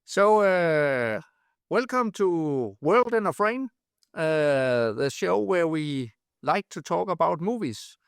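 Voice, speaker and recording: A man opens a film podcast in a relaxed, slightly raised voice. He takes his time and slips in dry jokes. The voice is clear and smooth, and the recording is dry and close. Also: fairly high pitch, slow, no echo. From Denmark. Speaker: podcast host. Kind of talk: casual show opening.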